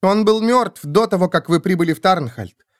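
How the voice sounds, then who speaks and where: A man's voice: high voice, normal speed, pitched above the performer's own voice, lightly acted. A man voicing a bold, loyal young woman warrior in an audiobook, speaking earnestly and insistently.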